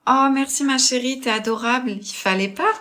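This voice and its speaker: A woman voicing a tender mother who speaks gently and soothingly to her teenage daughter. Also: high voice, moderate pace, voice pushed up.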